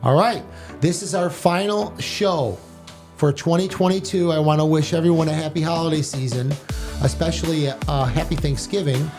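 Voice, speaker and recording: An older man hosting a local city talk show, enthusiastic and halting, with many restarts. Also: a little high, music in the background. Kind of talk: casual chat.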